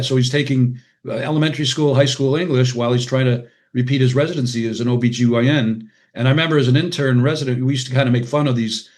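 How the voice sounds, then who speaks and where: This podcast guest, an older American man who is a retired radiologist and author, has a medium-pitched, slightly mellow voice. He reminisces in a relaxed way, often relaying what people said in short anecdotes.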